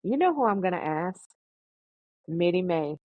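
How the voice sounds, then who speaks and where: A woman in a conversational family interview, speaking emphatically and repeating phrases, on low-bitrate audio. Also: very animated, normal speed, no echo, narrow, tinny audio. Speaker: interviewer, daughter questioning her father.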